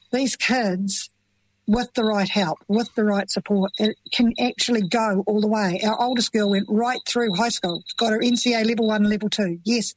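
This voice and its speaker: Speaking as a parent of children with FASD, this middle-aged woman with a New Zealand accent answers interview questions emotionally, earnest, plain-spoken and passionate. Her voice is a little high, and the recording is dry and low in quality.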